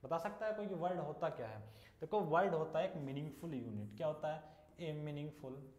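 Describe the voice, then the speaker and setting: A man's voice: fairly high pitch, brisk, darkish tone, dull audio. Echoey male teacher quizzing a class. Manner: asks students questions and repeats the answers. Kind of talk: classroom English lesson in Hindi. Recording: echoey room.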